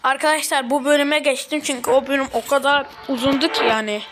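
A young woman commentating her own mobile game play, excitable and slangy, often yelling at the characters on screen. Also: high-pitched, a little fast, music in the background, low-quality recording. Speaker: gaming channel host.

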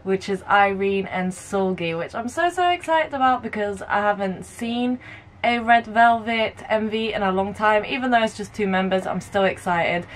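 A young woman hosting a casual music video reaction, talking in an excitable, gushing way. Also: mid-range voice, a little hiss or hum. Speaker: reaction vlogger.

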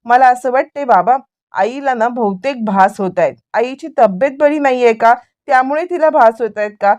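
A woman's voice: a little high, normal speed, darkish tone, muffled recording, lightly acted. Woman doing a scheming young schemer. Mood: feigned concern. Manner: sweetly false, then spiteful.

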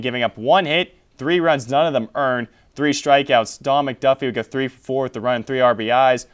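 Clear and resonant, with a fairly high pitch, this young-adult host reads out college scores and stats in a small TV studio. He then passes questions over to his analyst.

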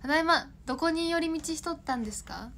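A woman's voice: very high-pitched, animated, quick pace, a bit bright, slight background noise. A young woman in her twenties, an idol chatting casually on a livestream, rambling, laughing often and answering viewer comments.

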